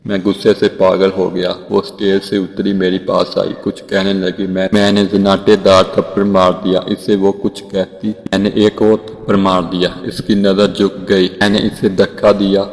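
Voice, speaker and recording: A man narrates an emotional moral story in the first person, slow and solemn. His voice sits very low and hardly moves in pitch, even through the quoted dialogue. A long reverb trails after his words. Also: creaky.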